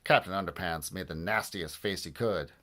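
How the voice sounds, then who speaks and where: A man reading a children's book aloud with expressive, lively storytelling. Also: low voice, moderate pace. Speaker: audiobook narrator.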